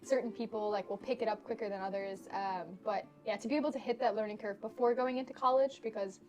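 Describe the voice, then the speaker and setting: A woman's voice: mid-range voice, fairly even intonation, quick pace, faint music behind. A young woman, a student ambassador, chatting casually with lots of fillers. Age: young adult. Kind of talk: casual chat.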